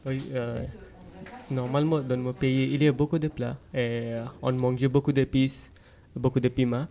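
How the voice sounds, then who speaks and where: A teenage boy from Bangladesh, answering interview questions in a learner's halting way with many fillers and restarts. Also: mid-range voice, flat delivery, dark tone, muffled recording, a little hiss or hum. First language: Bengali. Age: teens. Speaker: interview guest. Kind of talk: school interview.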